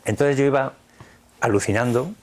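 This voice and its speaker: A man's voice: medium pitch, moderate pace. A man from Spain with a Spanish accent, recounting a personal experience in earnest, vivid detail, quoting the dialogue. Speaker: interview guest.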